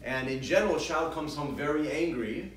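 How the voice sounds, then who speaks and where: A man's voice: fairly high pitch, fairly quick, fairly bright tone, slight background noise. Guy teaching a parenting class, chatty, acts out the kids' lines, echoey hall, mic kinda far off. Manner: conversational, acts out parent and child quotes, frequent restarts. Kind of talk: informal lecture to a group. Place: congregation hall. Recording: roomy hall, distant mic, faint ambience.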